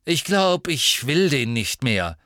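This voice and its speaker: A man's voice: mid-range voice, very animated, takes it slowly, bright, forceful tone, no room sound, clean studio sound, voice pushed up, heavily acted. A man voicing an arrogant, sneering teenage boy from a rich family in a storybook reading. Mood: angry. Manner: sneering, snarling.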